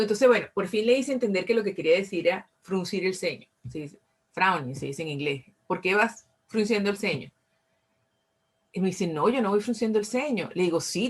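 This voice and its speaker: A woman's voice: medium pitch, husky. A Venezuelan woman in her fifties with a Venezuelan accent, speaking casually to an online recovery group and acting out bits of dialogue. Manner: conversational, acts out dialogue with frequent self-corrections. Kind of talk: informal talk sharing a personal story.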